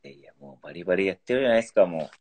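A man's voice: deep voice, expressive, rapid-fire, a little mellow, husky. A man in his thirties hosting a casual live stream, reading out viewer comments and teasing his guest. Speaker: pro footballer, live-stream host.

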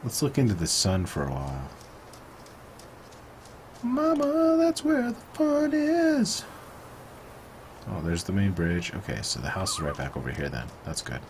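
A man's voice: very deep voice, expressive, quick pace, vocal fry, few pauses, slight background noise. A man casually commenting while playing a video game, crude, joking and sarcastic. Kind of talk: let's play commentary.

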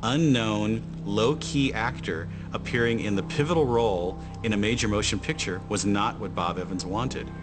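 A man's voice: lowish voice, normal speed, hardly any pauses, music in the background. A man speaking matter-of-factly in a documentary interview.

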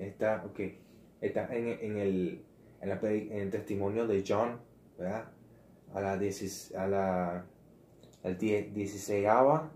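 Man, lay preacher, slow and mellow, stops and restarts a lot, roomy echo. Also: sits low, a little hiss or hum. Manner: halting, self-correcting, slangy asides. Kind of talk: casual informal preaching.

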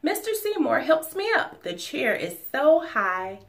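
A woman in her forties, a teacher reading a children's storybook aloud at home in an expressive, animated way. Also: sits high, measured pace. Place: living room at home.

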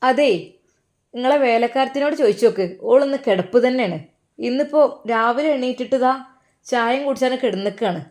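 A woman voicing an arrogant young wife who complains quickly, with a Malabar Malayalam accent. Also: fairly high pitch, darkish tone, close to an everyday voice. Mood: spiteful.

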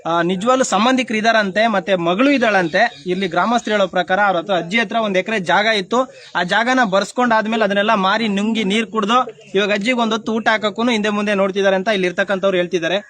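Earnest, fast-talking man. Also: high voice, steady tone, fairly bright tone. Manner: earnest, pleading, coaxing. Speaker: ashram founder and vlogger. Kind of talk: emotional appeal to viewers. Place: outdoors near a village temple.

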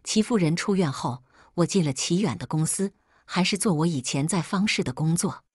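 Brief: female narrator, lowish and breathy, steady first-person story read. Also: normal speed, no room sound, clean studio sound.

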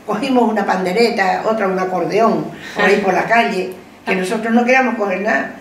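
An elderly woman with an accent from Spain, casually reminiscing with lively, exclamatory anecdotes and repeated words. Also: medium pitch, fairly quick. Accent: Spanish from Spain. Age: elderly, over 70. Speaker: interviewee recalling her past. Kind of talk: casual reminiscing, animated anecdotes with acted quotes. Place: living room at home, seated in armchair. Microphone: camera a few metres away. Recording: roomy, distant mic, background noise.

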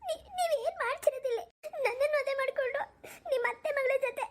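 A woman's voice: very high-pitched, fast, noisy background. A woman voicing a hurt young bride in a cartoon, tearful and accusing. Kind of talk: cartoon voice acting.

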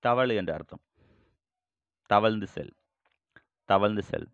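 A man teaching English vocabulary, saying each phrase slowly and then repeating it in translation. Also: lowish voice, clear, resonant tone, no room sound, dull audio. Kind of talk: bilingual vocabulary lesson.

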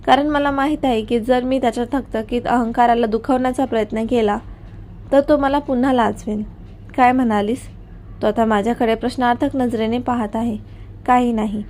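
A woman storyteller reading a scripted first-person story in a steady, even way. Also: a little high, a little hiss or hum.

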